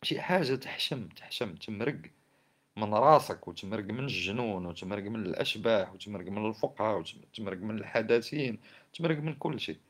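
This man, whose Moroccan Arabic accent colors his rapid, lowish voice, scolds and rails against society and the government. He sounds indignant throughout, peppering his impassioned commentary with rhetorical questions.

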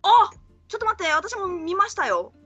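A woman hosting a podcast, chatting casually in quick, lively banter with frequent giggles. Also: very high-pitched, faint music behind. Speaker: podcast host. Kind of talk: casual chat.

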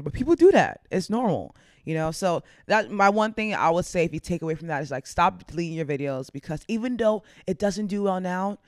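A woman's voice: mid-range voice, darkish tone, no room sound, studio quality. A woman content creator giving casual, upbeat advice in a chatty way, laughing often.

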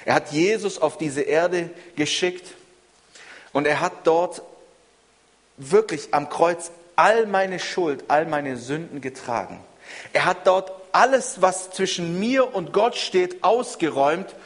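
A man delivers a sermon in an earnest, measured way, circling back over phrases as he presses his point. His voice sits a little high for a man. The sound rings with the long reverb of a large hall. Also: expressive. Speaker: preacher.

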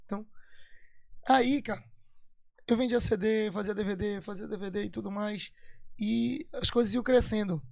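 Guest musician, male, gravelly delivery, emphatic and repetitive, dry close sound. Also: high voice, fairly even intonation, moderate pace, long pauses, a little mellow, no room sound. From Parintins, Amazonas, Brazil. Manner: emphatic, repeats phrases, slangy. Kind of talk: casual storytelling.

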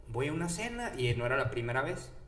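A man's voice: medium pitch, fast. A man with a Mexican Spanish accent telling stories in a casual chat, full of slang, acting out what people said. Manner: slangy, animated storyteller acting out quotes. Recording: echoey room with faint background noise.

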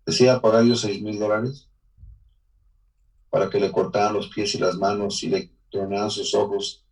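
A man's voice: lowish voice, flat delivery, normal speed, darkish tone, distant mic, low-quality recording. A man from Mexico with a Mexican accent, telling his life story in an interview in an earnest, emotional way, sometimes restarting his sentences. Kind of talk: personal life testimony.

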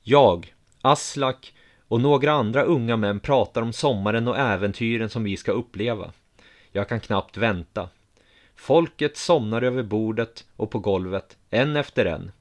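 Male audiobook narrator, low voice, calm first-person storytelling.

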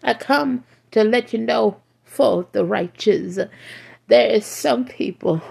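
A woman's voice: a little high, slow pace, vocal fry, a little mellow, breathy edge. A woman preaching an impassioned prophetic sermon like a doomsday street preacher, exhorting and repeating phrases insistently for emphasis.

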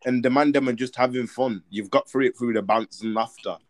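A man's voice: medium pitch, fairly quick, no room sound. A young man with a London roadman accent and slang, telling things casually among friends. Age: young adult. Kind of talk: casual group chat.

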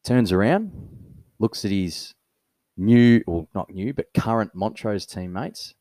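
Taking things slowly, an Australian man with a voice on the low side co-hosts a podcast and tells stories in casual chat. He laughs often and stays animated, with no echo in the recording.

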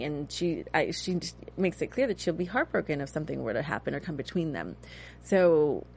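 A woman in her thirties talks through a TV episode in a loose, chatty recap. Her voice sits a little low, and she moves between animated and slightly cynical. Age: 30s. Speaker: host. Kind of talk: casual TV recap chat.

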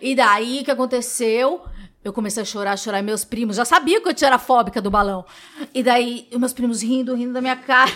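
Brazilian woman guest, slightly high voice, expressive storyteller who laughs and swears freely. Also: a little fast. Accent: Brazilian Portuguese. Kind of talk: candid interview storytelling.

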